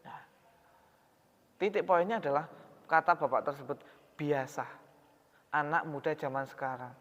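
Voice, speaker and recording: A man's voice: a little high, normal speed, fairly bright tone. A man preaching a sermon in a mosque hall, talking in a conversational way and asking his audience questions. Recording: reverberant hall, dull sound.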